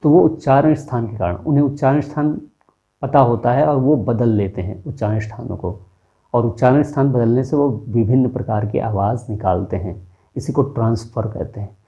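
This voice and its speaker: A man with a dark, mellow voice teaches a lesson in a patient, methodical way. He asks himself questions and then answers them, walking the listener through each point. The recording is a little dull and lo-fi. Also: mid-range voice. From India. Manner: steady, explains step by step with rhetorical questions. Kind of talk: explanatory lesson.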